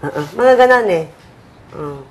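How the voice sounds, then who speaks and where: A woman's voice: on the low side, animated, measured pace, darkish tone. A woman directing actors on a set, demonstrating lines and counting down takes. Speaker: acting director.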